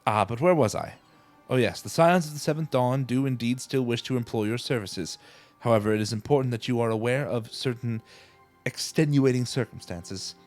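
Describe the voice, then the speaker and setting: A man's voice: mid-range voice, moderate pace, darkish tone, soft background music, natural voice. A man voicing a young male scholar, formal and pompous, with stiff old-fashioned phrasing while reading game dialogue aloud. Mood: haughty.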